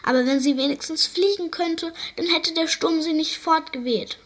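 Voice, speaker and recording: Woman doing a croaky, blunt gull. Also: extremely high pitch, moderate pace, voice pushed up.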